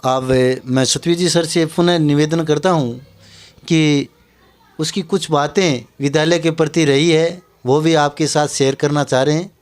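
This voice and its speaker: Male school presenter; slow, measured formal delivery, slightly high voice. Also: fairly even intonation. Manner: measured and slow, mixes English words into formal speech. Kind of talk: slow formal talk to camera.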